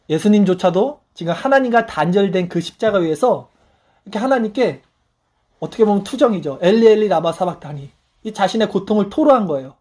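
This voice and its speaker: A man in his thirties preaching a sermon, telling a story with feeling and dropping soft and low when he voices quoted prayers. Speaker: pastor.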